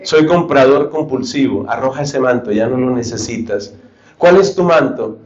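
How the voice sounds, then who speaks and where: A male preacher giving a sermon, telling stories lively and acting out short dialogues. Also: medium pitch, normal speed. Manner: lively storytelling, acts out dialogues. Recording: roomy, slightly dull recording.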